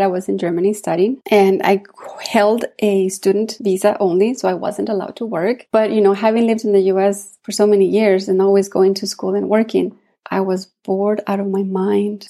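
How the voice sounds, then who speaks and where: Mellow-voiced woman coach from Mexico. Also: medium pitch. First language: Spanish. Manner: warm, chatty, laughs often. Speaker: guest coach and consultant. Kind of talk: casual interview chat.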